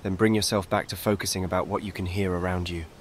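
In scripted meditation narration, a low-voiced man offers brief, gentle directions at a calm, measured, soothing pace. There's a little hiss or hum in the audio.

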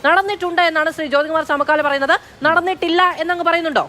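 A woman anchoring a televised political debate, cutting in briskly to keep order. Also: very high voice, steady tone, sharp tone, soft background music. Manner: brisk, cuts in to restore order.

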